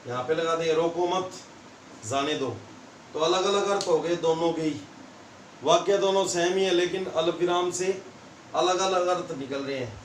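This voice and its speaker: Male teacher with a Rajasthani Hindi accent and a raised voice, slow and repetitive, recorded from a distance in an echoey classroom. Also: a little high, a little hiss or hum. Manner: slow, repetitive explaining to students. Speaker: science teacher. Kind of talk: classroom lesson. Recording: echoey room, mic far off.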